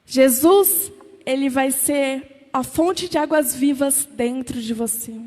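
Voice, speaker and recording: A woman's voice: sits high, slow pace, darkish tone. A woman with a Brazilian Portuguese accent preaching a sermon, with emphatic, repeated questions to the congregation. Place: church. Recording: long church reverb.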